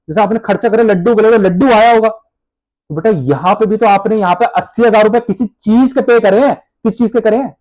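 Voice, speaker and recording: Animated high-voiced teacher. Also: male voice. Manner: animated, addresses students as beta, plays student answers himself. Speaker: accounting teacher. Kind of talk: classroom lecture.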